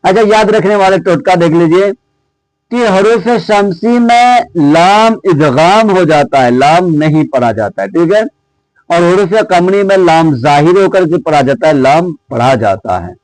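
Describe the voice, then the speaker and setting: Guy teaching urdu letters, slow and patient, kinda high voice. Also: expressive, darkish tone, no echo, rough recording. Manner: slow and patient, poses questions and answers them himself; reads out lists of letter names one by one. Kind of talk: exam-prep lesson.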